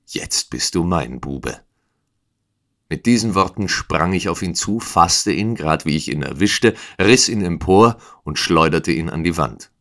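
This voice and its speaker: A man narrating a classic novel in the first person, in a measured, dramatic storytelling manner. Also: deep voice, a bit bright. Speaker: audiobook narrator.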